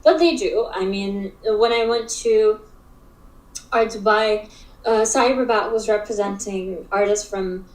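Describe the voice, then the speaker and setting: A young African woman, a digital art expert, is a guest in a casual conversational interview. Her speech is halting and full of fillers, often stopping and restarting, at an ordinary middle pitch. The room gives the recording a noticeable echo.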